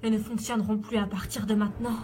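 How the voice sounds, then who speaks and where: A woman's voice: medium pitch, flat delivery, fast, warm tone, far from the mic, faint music behind, natural voice. A woman playing a vengeful female villain who makes cold threats in an amateur audio drama. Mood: menacing.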